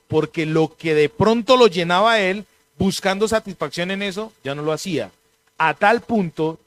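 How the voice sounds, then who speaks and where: Male preacher, slightly high voice, animated storyteller, occasional throat clearing. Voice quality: clears throat now and then. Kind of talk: sermon.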